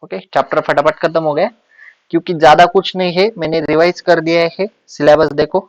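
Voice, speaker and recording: A male teacher giving an exam revision lecture, mixing English and Hindi and reading definitions slowly. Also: fairly high pitch, fairly even intonation, no room sound, highs cut off.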